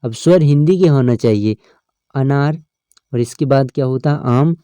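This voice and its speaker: A man's voice: medium pitch, moderate pace, warm tone, smooth, dry recording, clean studio sound. A male teacher, explaining an English grammar lesson step by step and often checking in with his students. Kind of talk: exam-prep lesson.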